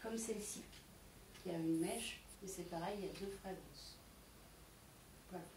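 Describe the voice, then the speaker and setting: A woman's voice: lowish voice, normal speed. A woman selling candles to guests at a home party, explaining each product step by step with frequent hesitations. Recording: echoey room, distant mic, faint noise.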